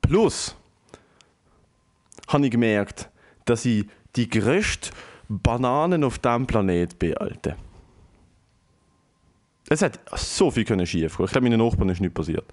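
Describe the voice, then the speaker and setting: A young man with a Swiss German accent, talking at a middle pitch. He tells an anecdote in a loose, animated way. He swears freely and drops English slang into his sentences. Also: a little slow, pauses often. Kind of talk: casual storytelling chat.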